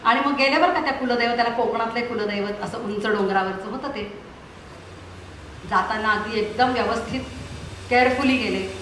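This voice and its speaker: A woman telling a funny story to a concert audience between songs, speaking in a lively, chatty way into a stage microphone. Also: a little high, moderate pace, pauses often, slight background noise. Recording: echoey live hall sound.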